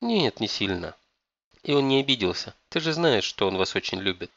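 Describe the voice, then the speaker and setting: A man voicing a weary, ashamed middle-aged mother who speaks softly and sadly. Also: lowish voice, sing-song, moderate pace, lo-fi sound. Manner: soft, sorrowful.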